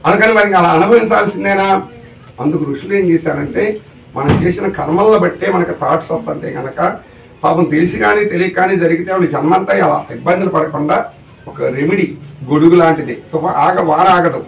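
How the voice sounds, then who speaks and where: A man's voice: sits high, a little fast, gravelly, reverberant, recorded from a distance, slight background noise, poor audio. A man giving a religious discourse to a live audience as a spiritual teacher, often putting questions to the listeners. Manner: keeps asking the audience questions.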